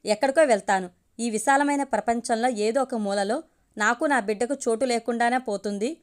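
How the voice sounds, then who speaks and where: A woman's voice: a little high, a little fast, close to an everyday voice. A woman voicing a defiant young woman who protects an adopted baby, firm and emotional.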